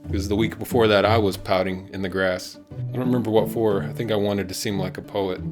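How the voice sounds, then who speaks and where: A man's voice: fairly low pitch, steady tone, a little fast, over music. A man telling a childhood story in a casual, rambling way, chuckling at himself. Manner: chuckling, rambling and self-deprecating.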